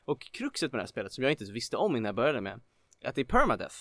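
A man co-hosting a casual chat about video games, rambling with lots of filler words and getting excited. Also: mid-range voice, no room sound. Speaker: podcast co-host.

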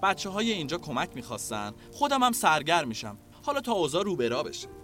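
A man voicing a young woman journalist who talks in a quick, offhand storytelling way. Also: fairly high pitch, sing-song, fairly bright tone, faint music behind, voice pushed up. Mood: brushing off. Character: young woman journalist, brisk and matter-of-fact.

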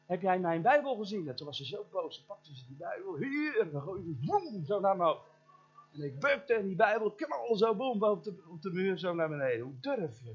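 Lively high-voiced middle-aged male preacher. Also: slightly rough. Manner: animated, addresses the congregation directly; imitates sounds and voices in his story. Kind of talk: storytelling sermon. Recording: dull lo-fi church recording.

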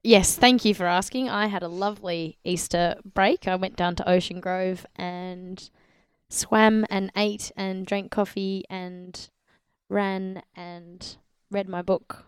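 A woman's voice: medium pitch, steady tone, slow, smooth, dry recording, clean studio sound. An Australian woman co-hosting a podcast in casual, jokey, teasing chat. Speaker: podcast co-host.

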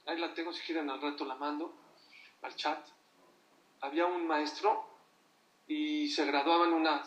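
A man's voice: a little high, a bit bright. A man giving an emphatic sermon to an audience, often putting rhetorical questions to them. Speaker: religious teacher addressing an audience. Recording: echoey room, voice from far off.

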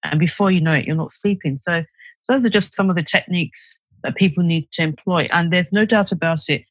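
A woman's voice: on the low side, a little fast, no room sound, poor audio. A woman psychiatrist from the UK, a podcast guest giving advice, explaining in a chatty way with many fillers and restarts. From United Kingdom. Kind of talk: podcast interview.

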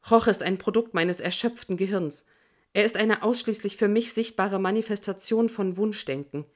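A woman reading a first-person audiobook in a measured, tense manner. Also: medium pitch. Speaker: audiobook narrator. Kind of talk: first-person scripted narration.

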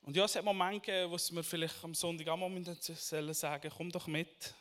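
A man, preaching a sermon that moves between quiet reflection and loud, emphatic questions. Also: on the high side, fairly even intonation, fast. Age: 30s. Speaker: pastor.

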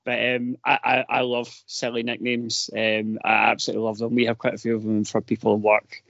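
A man's voice: on the low side, monotone, a little fast, creaky, fairly bright tone, no echo. A man on a football fan podcast, telling rambling, self-mocking stories in casual chat. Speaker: podcast panelist. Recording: dry, dull lo-fi podcast audio.

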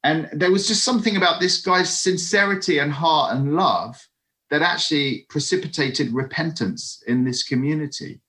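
Man preaching a lively, chatty sermon. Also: a little high, normal speed. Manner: lively, conversational preaching with asides. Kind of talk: conversational sermon.

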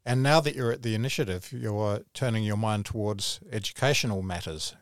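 A man's voice: fairly low pitch, brisk, no echo, studio quality. A man hosting a podcast interview, friendly, leading with questions and summaries. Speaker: podcast host.

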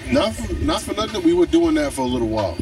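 A man's voice: on the high side, very animated, fast, darkish tone, recorded from a distance. A man co-hosting a comedy podcast, teasing his friends with dry quips from inside a parked car. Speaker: podcast co-host. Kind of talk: casual comedic banter.

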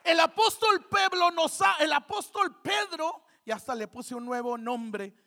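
A woman preacher, delivering a fervent sermon in church, shouting out refrains between joking asides. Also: very high voice, a little slow, creaky.

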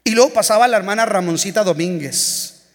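A man's voice: sits high, a little fast. A man with a Mexican Spanish accent, an evangelist preaching a humorous, storytelling sermon. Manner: storytelling, humorous, singing snippets. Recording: long church hall reverb.

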